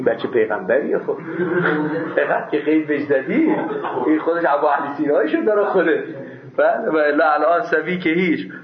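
A man teaching a seminary class. He reads classical quotes slowly, then explains them in a lively, chatty way with jokes. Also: fairly high pitch. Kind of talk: classroom lecture on a religious law text. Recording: roomy, dull lo-fi recording.

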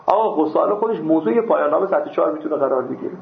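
This male teacher has a fairly high, gravelly voice with lively intonation, and there's a slight hiss or hum. He reads Arabic aloud to a seminary class, unpacking it with questions and answers and the occasional joke. The room sounds dull and full of echo.

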